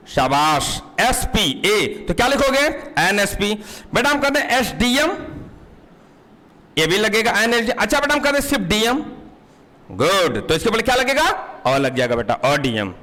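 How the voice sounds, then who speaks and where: A man's voice: high voice, sharp tone. A man with a Hindi accent teaching English grammar for exam prep, calling students "beta" and quizzing them with questions.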